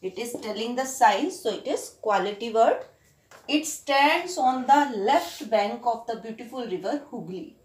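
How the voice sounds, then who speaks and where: A woman's voice: on the high side, expressive, measured pace, echoey room. A woman with an Indian accent teaching a grammar lesson, explaining step by step, often checking with "right?" and slipping into Hindi. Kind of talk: grammar lesson for school students.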